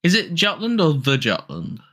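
A young British man from Britain co-hosting a casual history podcast, joking around and reading out facts a little haltingly. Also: a little high, wildly swooping pitch, a bit bright. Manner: jokey, laughs often, reads facts haltingly. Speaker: co-host.

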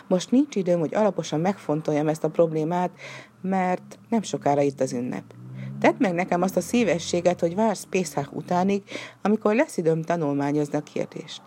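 A woman voicing a wise, kindly old rabbi who speaks calmly and gently in a storybook reading. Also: lowish voice, slight background noise, lightly acted. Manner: calm, gentle, measured.

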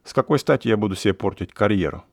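A man's voice: on the low side, quick pace, gravelly, no echo, clean studio sound. A man voicing a plump young German baron who coolly lectures and refuses to marry. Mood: lecturing.

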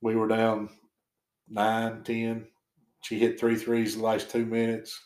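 A middle-aged man with a Southwest Virginia accent, a retired basketball coach who now serves as a school principal, gives short, plain-spoken answers in a casual interview. His lowish, slightly mellow voice is completely flat and slow. The room sounds echoey.

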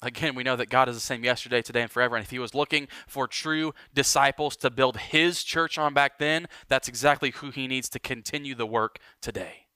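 A man preaching a sermon as pastor, emphatic and building, then dropping to quiet lines for weight. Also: mid-range voice, fairly quick, hardly any pauses, clean tone, no room sound, studio quality.

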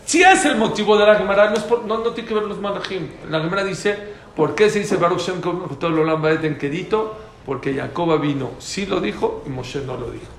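A man's voice: high voice, brisk. Guy teaching religion class, emphatic, repeats stuff, slight hiss in the background. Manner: emphatic, repeats key points, answers students directly. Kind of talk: classroom lecture with questions. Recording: roomy, faint background noise.

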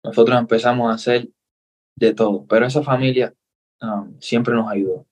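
A young man with a Cuban Spanish accent tells his own story as a guest in a relaxed interview. His voice sits at an ordinary middle pitch, and he talks earnestly. He slips into the voices of the people in his story to act out their lines. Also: normal speed. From Cuba. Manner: earnest, animated storyteller, acts out dialogue.

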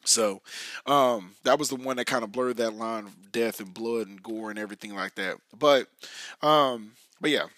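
An American man hosting a casual solo podcast in a hoarse, raspy whiskey voice, half lost, rambling and slangy as he addresses listeners directly. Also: medium pitch, normal speed, fairly bright tone, dry recording, clean studio sound. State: hoarse, losing his voice. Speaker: podcast host.

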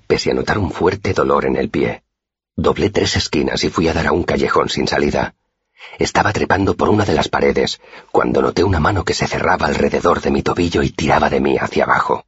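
A man narrating an audiobook in a steady, measured first-person telling, in a dull, dry recording. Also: very deep voice, slightly rough, no room sound.

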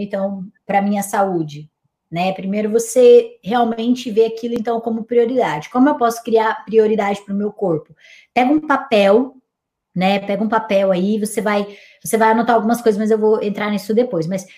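A young woman, hosting a live stream as a weight-loss coach and talking in an emphatic, energetic way. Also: medium pitch. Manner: emphatic, self-described energetic, scolding but affectionate. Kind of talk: energetic motivational live chat.

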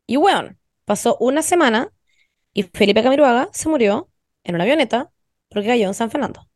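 This podcast host, a young woman with a Chilean accent, tells stories in fast, slangy, lively casual chat packed with swearing. Her slightly high voice is recorded close and dry, without any room sound or echo.

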